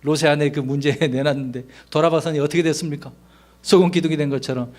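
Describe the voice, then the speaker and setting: A man's voice: a little high, fairly even intonation, fast talker, a little mellow. A man, a pastor, preaching a sermon in a conversational way, asking his congregation rhetorical questions and acting out the lines he quotes.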